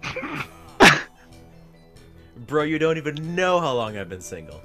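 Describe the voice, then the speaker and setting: A young man in casual gaming chat, sarcastic, going from deadpan mutters to loud outbursts. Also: a little high, measured pace, soft background music. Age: young adult. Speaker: gaming friend.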